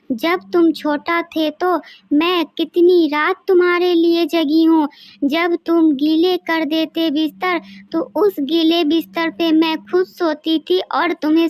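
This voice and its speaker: A woman's voice: very high voice, no echo, studio quality. A woman voicing an elderly mother who scolds and pleads with her son in a cartoon story. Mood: scolding.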